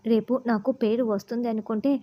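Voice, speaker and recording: A woman voicing a frustrated young man who shouts bitterly. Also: a little high, level tone, fairly quick, dull audio, lightly acted. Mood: angry.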